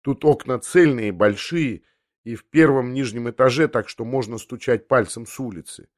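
Guy reading an old novel out loud, steady storyteller. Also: mid-range voice, normal speed, no room sound, studio quality. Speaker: audiobook reader. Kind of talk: literary narration.

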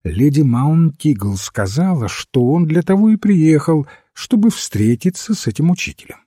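A gentle, thoughtful old priest who untangles a mystery by calm reasoning, as a male reader plays him. His speech is unhurried and lively in pitch. The tone is mellow and a little husky. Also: no echo, studio quality. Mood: explaining. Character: mild, thoughtful elderly male priest-sleuth.

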